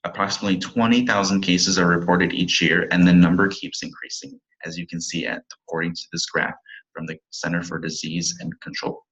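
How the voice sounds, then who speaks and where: A man's voice: low voice, little pitch movement, fairly quick, fairly bright tone, muffled recording. A young man in his twenties, a pharmacy student, giving a recorded slide presentation and reading from his slides with small slips and restarts.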